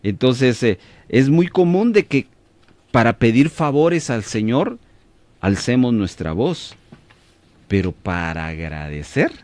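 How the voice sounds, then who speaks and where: Male radio preacher, Latin American Spanish accent, emphatic and lively in pitch, dry close mic. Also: slow, dry recording. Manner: preachy, emphatic, asks listeners questions. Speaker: radio Bible teacher and host. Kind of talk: radio Bible teaching. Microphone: studio microphone.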